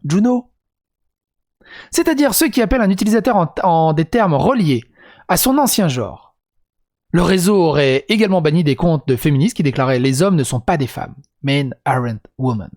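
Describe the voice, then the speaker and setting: This male video commentator, a native French speaker, has a somewhat high voice with a darkish tone. He reads a script aloud and interrupts it with crude, sarcastic remarks.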